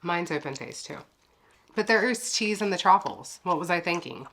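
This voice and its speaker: A woman's voice: on the low side, expressive, normal speed, fairly bright tone. A woman co-hosting a home cooking vlog, talking in a chatty, laid-back way from her kitchen. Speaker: keto vlog co-host. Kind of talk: casual chat.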